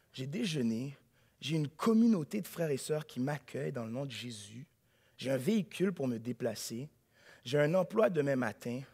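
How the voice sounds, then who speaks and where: A male pastor, preaching a sermon in a church, dropping to a hush and then rising to a shout. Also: fairly high pitch, breathy edge. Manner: dramatic preaching, swings from hushed to shouting.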